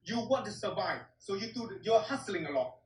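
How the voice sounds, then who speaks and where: In an interview picked up by a distant mic in an echoey room, a martial arts teacher from Vietnam recounts his life in blunt, broken English peppered with swearing. The middle-aged man talks briskly, his voice sitting high with lively intonation.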